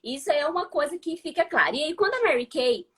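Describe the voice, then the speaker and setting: A woman's voice: sits high, very animated, fast, a bit bright. A woman hosting a live chat, explaining things directly to her viewers. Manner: explanatory, talks to the audience. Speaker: host.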